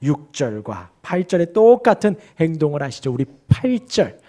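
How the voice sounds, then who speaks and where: A man's voice: fairly high pitch, moderate pace. A male pastor preaching an expository sermon in a church, asking his congregation questions and leading them in reading aloud. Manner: animated, asks the congregation rhetorical questions. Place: church sanctuary.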